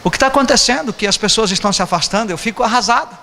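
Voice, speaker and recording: A man's voice: high voice, very fast, pushed and bright. A man with a Brazilian Portuguese accent preaching an informal sermon as pastor, joking and teasing his congregation. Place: church hall. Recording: echoey church hall, faint noise.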